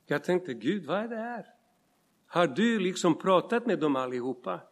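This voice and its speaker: A middle-aged man preaching a sermon, telling a personal testimony and speaking straight to his listeners. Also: high voice. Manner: storytelling, animated, addresses listeners directly.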